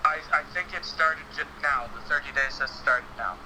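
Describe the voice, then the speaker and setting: Man heard over speakerphone, bright tone. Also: medium pitch, poor audio. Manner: hesitant, halting, many fillers and restarts. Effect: heard over a phone on speakerphone. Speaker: podcast guest. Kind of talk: casual chat about wrestling games.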